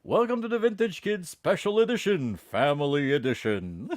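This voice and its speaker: A man with a Quebec French accent, a native French speaker, hosting a casual bilingual podcast and switching between English and French in an animated, hesitant way. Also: fairly high pitch, normal speed, dry recording, studio quality. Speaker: podcast host.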